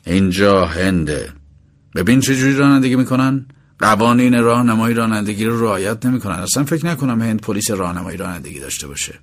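A man voicing a calm, aloof young master in a storybook reading, speaking slowly and patronisingly. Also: lowish voice, breathy edge.

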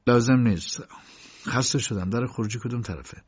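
A man's voice: medium pitch, husky, natural voice. A man voicing an uneasy, curt defendant who grows insistent, in a dull lo-fi recording. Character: uneasy, tense male defendant.

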